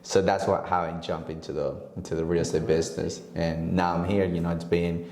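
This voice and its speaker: Low-voiced Honduran man in his twenties. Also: a little fast, roomy sound. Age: 20s. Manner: relaxed storytelling, acts out quoted dialogue, laughs often. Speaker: guest real estate agent. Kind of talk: casual podcast interview.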